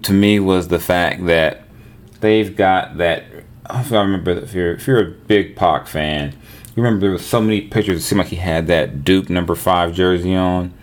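A man hosting a podcast, talking casually or reading a sponsor spot in his own voice. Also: low voice. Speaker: podcast host. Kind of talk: casual sports and hip hop talk, with read-out sponsor spots.

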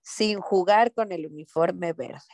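A woman's voice: lowish voice, takes it slowly, a little mellow, no room sound, studio quality. A woman co-hosting a casual sports chat, giving brief agreeing replies and offering stats. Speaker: co-host.

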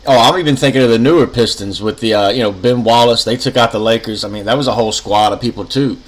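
A man's voice: mid-range voice, quick pace, poor audio. A man hosting a sports podcast, speaking in a conversational way. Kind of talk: conversational sponsor read and sports chat.

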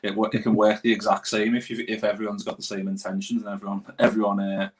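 A man's voice: fairly low pitch, level tone, fast, breathy edge. A British man hosting a podcast with casual, loosely phrased football chat. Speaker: podcast host.

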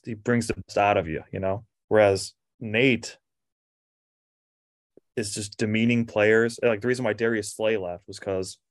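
A young man co-hosts a casual podcast in a somewhat low voice. He tells stories in a relaxed, easygoing way. The sound is dry and close, with no room behind it. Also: dry recording. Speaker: podcast co-host.

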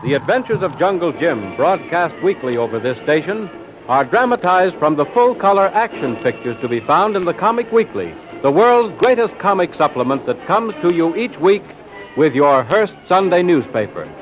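A male announcer declaims an old radio serial with sweeping, fairly high intonation. Music sits behind him on a dull vintage recording. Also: sing-song, moderate pace. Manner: dramatic, declamatory. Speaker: announcer and narrator. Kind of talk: 1940s radio serial narration.

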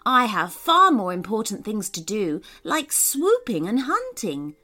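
A woman's voice: mid-range voice, wildly swooping pitch, unhurried, pushed and bright, heavily acted. A woman voicing a haughty female owl who speaks in a pompous, dismissive way.

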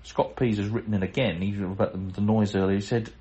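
A man's voice: lowish voice, steady tone, quick pace, warm tone, dull audio. A middle-aged man hosting a podcast, reading listener letters aloud in a chatty way, breaking off with chuckles and self-deprecating asides. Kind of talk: casual chat and letter reading.

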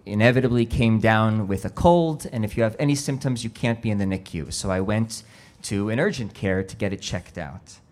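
Slow, reflective man giving a sermon. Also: medium pitch. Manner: slow, reflective storytelling with quiet emotional dips. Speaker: rabbi.

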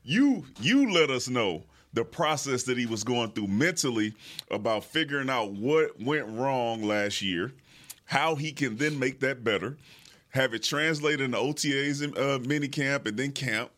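Male sports panelist, medium register, relaxed phrasing, casual storytelling chat. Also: mid-range voice, normal speed. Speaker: sports talk show co-host. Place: podcast studio.

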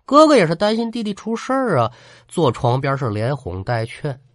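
Male storyteller, spoken ghost folk tale, animated, colloquial, very expressive pitch, dry close sound. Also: normal speed, no room sound. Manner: animated, colloquial, addresses the listener directly.

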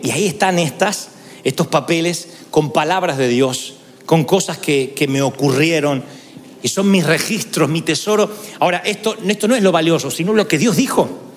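A man preaching a sermon in an earnest way, moving between quick asides and slow, emphatic lines. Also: on the high side, in a large hall, a little hiss or hum.

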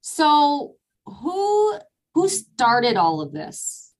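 A woman's voice: sits high, wildly swooping pitch, drawn-out words. A woman from Northern California hosting a podcast in an upbeat, chatty way and laughing easily. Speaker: podcast host. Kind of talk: casual chat.

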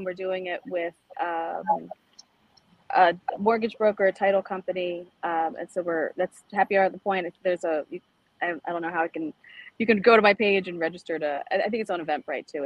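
A middle-aged woman from El Salvador talks as a guest on a radio show. Her voice sits a little low and sounds dry and close. She chats loosely, with lots of ums and restarts. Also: fairly even intonation, normal speed, no room sound, dull audio. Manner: conversational with frequent fillers and restarts. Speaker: insurance agent, guest. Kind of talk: casual radio interview. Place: high school.

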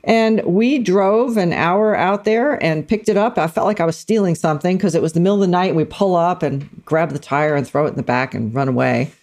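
Middle-aged woman co-host, lively storyteller who puts on voices for quotes. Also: fairly low pitch, fairly quick, hardly any pauses. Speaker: podcast co-host. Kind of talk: casual storytelling chat.

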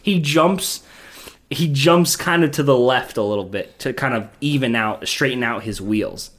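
A man's voice: medium pitch, a little slow, a bit bright. A man co-hosting a podcast in casual chat, rambling and profane, laughing often. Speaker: podcast co-host.

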